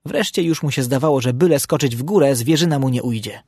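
A man narrating a children's audiobook in an expressive, storytelling manner, recorded close on a studio mic. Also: medium pitch, fast talker, slightly rough, no room sound.

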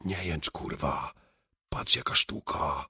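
A man reading an audiobook, voicing a crude, excitable young male friend who boasts loudly and vulgarly. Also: lowish voice, moderate pace, husky, dry recording, studio quality, pitched above the performer's own voice, full character voice. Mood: hissing eager.

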